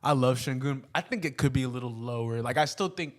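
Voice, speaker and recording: A man's voice: medium pitch, quick pace. A man hosting a sports podcast, giving his opinions in casual, conversational, slangy talk.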